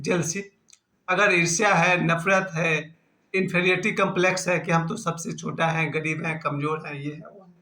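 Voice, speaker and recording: A man's voice: sits high, pushed and bright, roomy sound. A man in his fifties giving an earnest, self-mocking personal talk on his vlog. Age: 50s. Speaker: vlogger.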